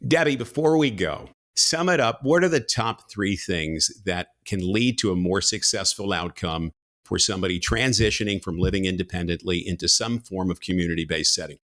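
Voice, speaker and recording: A man's voice: low-pitched, normal speed, fairly bright tone. A man hosting a podcast, asking questions and giving a polished, upbeat closing. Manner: upbeat, polished sign-off delivery. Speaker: podcast host.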